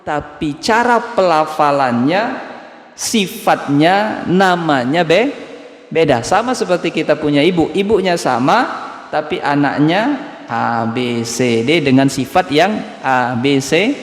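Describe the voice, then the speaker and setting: A man teaching Quran recitation at a dawn study circle, explaining slowly and repeating letter sounds to demonstrate them. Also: fairly high pitch, lively intonation. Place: mosque hall. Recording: echoey mosque hall, long reverb.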